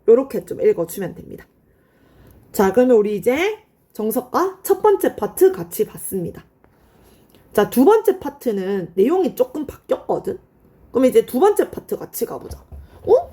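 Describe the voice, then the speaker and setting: A woman teaching high school literature in an online lecture, explaining in a friendly, chatty way and answering her own questions. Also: dark tone, breathy edge. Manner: asks students questions and answers them herself.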